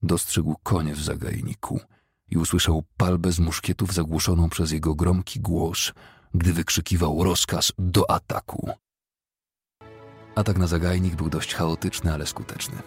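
A man narrating a novel as an audiobook, in a steady, measured storytelling manner. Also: deep voice, slightly rough, no echo, studio quality, faint music behind.

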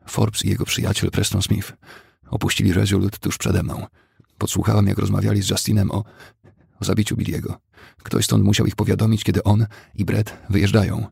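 A man with a very low, gravelly voice reading the lines of a distraught young woman who has fled her husband, in a pleading, shaken tone. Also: flat delivery, fairly quick, a little mellow, no echo, studio quality, full character voice. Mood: frightened.

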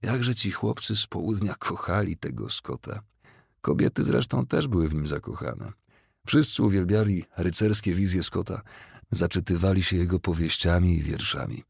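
A man narrating a novel as an audiobook, in a steady, measured storytelling manner. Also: low-pitched, gravelly, slightly rough, no echo, clean studio sound.

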